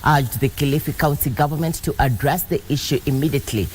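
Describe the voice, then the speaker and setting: Woman, Kenyan accent, deep female register, news anchor delivery, slight noise. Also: fast talker. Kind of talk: broadcast news reading.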